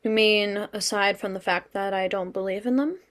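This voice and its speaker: A woman's voice: mid-range voice, normal speed, fairly bright tone, natural voice. A woman reading the part of a skeptical, level-headed female FBI agent. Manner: skeptical, questioning. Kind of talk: dramatic script reading.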